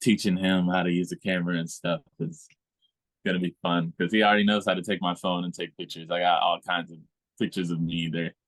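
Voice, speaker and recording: Low gravelly young man. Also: level tone, fairly quick, a bit bright, dry recording. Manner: laid-back, laughs often. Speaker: musical guest. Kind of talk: casual interview.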